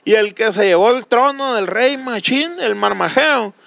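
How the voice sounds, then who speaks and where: A man's voice: sits high, measured pace, gravelly, fairly bright tone, no room sound. A man with a Mexican accent co-hosting a casual chat, telling stories in a playful, slangy way. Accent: Mexican Spanish. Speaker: podcast co-host.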